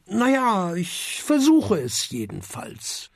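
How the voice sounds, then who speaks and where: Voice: medium pitch, wildly swooping pitch, takes it slowly, gravelly, slightly rough, dry recording, studio quality, pitched above the performer's own voice, full character voice. A reader voicing a young, shy and slightly sad dragon in a children's story, talking in a grumbling, hesitant way. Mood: grumbly.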